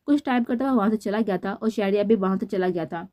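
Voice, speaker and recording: A woman narrating a romance novel aloud in a steady storytelling manner. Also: medium pitch. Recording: dull lo-fi recording.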